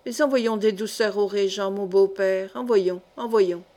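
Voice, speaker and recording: A woman reading the part of a cunning, sneering middle-aged male seneschal in an audiobook, in a measured, calculating way. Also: medium pitch, steady tone, dark tone, natural voice. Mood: persuasive. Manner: sly, sneering.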